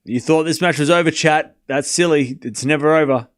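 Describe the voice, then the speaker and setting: Speaking at a moderate pace in a slightly high voice, this Australian man gives relaxed live tennis commentary. He addresses his chat directly, teasing them and bragging.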